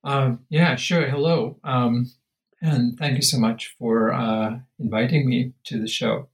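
This anthropology professor, a man in his fifties originally from Lithuania, answers interview questions slowly and thoughtfully, hesitating often and using fillers. His mid-range voice keeps a fairly even intonation, and the audio quality is poor.

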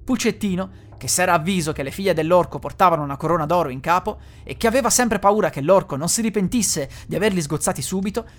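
A storyteller giving a dramatic, expressive reading of a classic fairy tale. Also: medium pitch, quick pace, few pauses.

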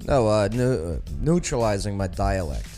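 A male talk radio host with a New York accent, chatting in a loose, rambling way full of "uh"s and false starts. His voice sits fairly low but swings widely in pitch as he talks, over a faint music bed. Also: big pitch swings, moderate pace, dark tone. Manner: rambling with many fillers and restarts. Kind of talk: casual talk radio banter.

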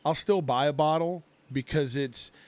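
A man's voice: on the high side, moderate pace, no room sound. A man in his thirties co-hosting a casual podcast, rambling and swearing through a long drinking story. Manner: rambling, profane, many fillers. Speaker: podcast co-host. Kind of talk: casual chat.

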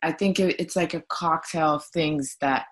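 Low-voiced woman guest from Belgium. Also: moderate pace, rough recording. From Brussels, Belgium. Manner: searching for words, many fillers. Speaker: podcast guest, co-founder. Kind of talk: casual interview conversation.

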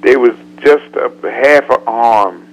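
An older man, a veteran musician, telling stories slowly in an interview and clearing his throat. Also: medium pitch, poor audio. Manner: slow, throat-clearing storyteller. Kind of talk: storytelling in an interview.

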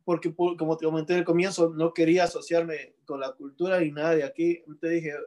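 A man's voice: on the high side, level tone, fairly quick, darkish tone. A man from Peru, a painter, telling a personal story in an interview, slipping into English words and often restarting his sentences.

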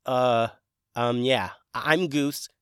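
A man's voice: medium pitch, takes it slowly, a bit bright, clean tone, no room sound, studio quality. A man voicing an earnest boy turned into a dragon, who talks in an eager, rambling, slightly stammering way.

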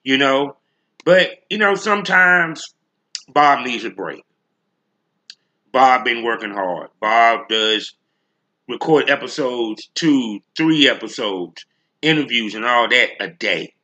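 Forceful, bright-voiced man ranting as podcast host. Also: medium pitch, lively intonation, slow pace. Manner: blunt, profane, slangy, emphatic. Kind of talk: solo rant to listeners.

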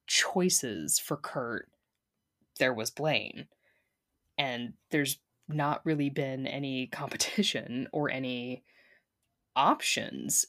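A woman's voice: very deep voice, a bit bright. A woman co-hosting a podcast, talking casually with frequent laughs and fillers. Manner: chatty, laughs often, lots of fillers. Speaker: podcast co-host.

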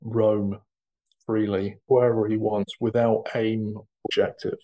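Lowish-voiced man, casual and brief. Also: level tone, unhurried, mellow, low-quality recording. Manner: brief agreements, reads a definition aloud. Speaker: podcast guest. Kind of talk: casual conversational discussion.

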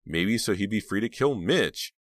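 Lifted well above his own low register, this is a man doing an earnest teenage girl sleuth in an audiobook, intense and insistent, her lines swinging widely in pitch. The sound is dry and close. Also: lively intonation, normal speed, dry recording, natural voice. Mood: urgent. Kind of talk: audiobook character voice.

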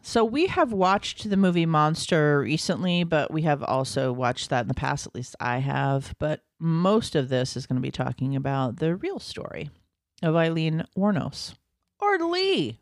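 A woman's voice: sits low, normal speed, no echo, studio quality. A woman hosting a podcast, chatting casually and dropping joking asides. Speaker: podcast co-host.

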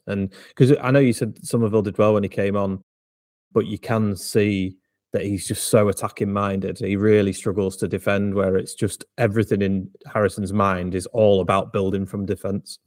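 Man, podcast co-host; low voice, dry sound, relaxed measured opinions. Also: no room sound. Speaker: podcast co-host, football fan. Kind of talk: casual football podcast chat.

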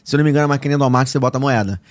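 Brief: joking male host, Rio accent, rapid banter. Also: mid-range voice, no room sound. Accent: Rio de Janeiro Portuguese. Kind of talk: casual chat.

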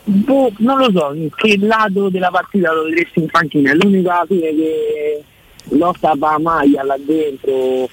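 A man's voice: fairly high pitch, fairly even intonation, measured pace, soft background music. A man, calling into a show over the phone and chatting casually about football, often hedging his opinions. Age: 20s. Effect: heard over a phone line. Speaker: radio call-in listener.

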